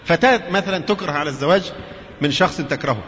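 A man's voice: a little high, quick pace, fairly bright tone. A man giving a religious lecture, mixing formal and colloquial Arabic and putting questions to his listeners. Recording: dull reverberant hall recording with faint noise.

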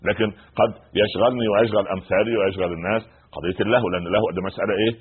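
Rapid husky Egyptian preacher on radio. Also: male voice, on the low side, fairly even intonation. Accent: Egyptian Arabic. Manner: keeps asking rhetorical "what?" questions, stammers and restarts. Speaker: radio religious scholar taking calls. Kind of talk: radio Quran commentary with call-ins. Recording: narrow phone-like radio sound.

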